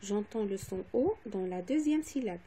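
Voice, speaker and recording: A woman teacher slowly correcting phonics exercises, saying each word twice and spelling out letters. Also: medium pitch, animated, warm tone, husky. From Morocco. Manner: repeats each word twice, stressing sounds. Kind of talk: slow, clearly articulated classroom dictation.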